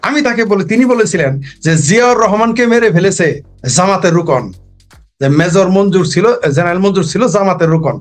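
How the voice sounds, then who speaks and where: A man giving an impassioned political talk, rhetorical and emphatic, repeating his points. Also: high voice. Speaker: political commentator.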